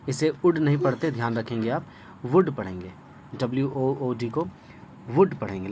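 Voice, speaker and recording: A man's voice: medium pitch, darkish tone, slight background noise. A man with an Indian accent teaching English vocabulary in an online lesson, spelling words letter by letter and repeating pronunciations patiently. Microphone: phone screen recording.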